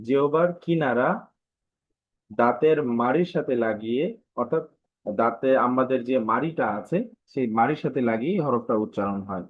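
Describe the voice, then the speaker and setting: A man's voice: medium pitch, normal speed. A man teaching Arabic letters in an online live class, drilling each sound aloud and repeating it. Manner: opens with Arabic recitation. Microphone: online live class audio. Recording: tinny phone-like online audio.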